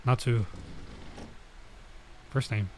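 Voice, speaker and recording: Speaking extremely slowly in a medium-pitched, darkish, fairly even voice, a man reads a visual novel aloud for a let's play. He drops in casual asides and breaks off to comment on and translate Japanese phrases, with a little hiss or hum in the background.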